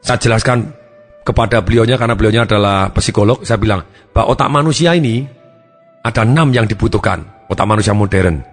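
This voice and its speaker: A man giving a self-help talk as a therapist, acting out his client's words in animated shifting voices. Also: lowish voice, fairly quick, soft background music. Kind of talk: motivational talk with acted anecdotes.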